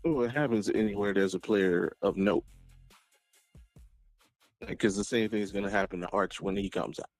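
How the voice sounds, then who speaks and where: A man's voice: on the low side, moderate pace, pauses often, no room sound, soft background music. A man as a caller on a sports talk show, debating insistently and repeating his phrases as he pushes back.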